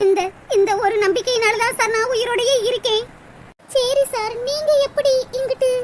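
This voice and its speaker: A tearful, clingy young girl from a cartoon short, pleading in a very high, thin voice. Loud hiss runs under every line. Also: fairly even intonation, moderate pace. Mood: earnest. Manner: weepy, pleading. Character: young lovesick village woman, tearful and clingy.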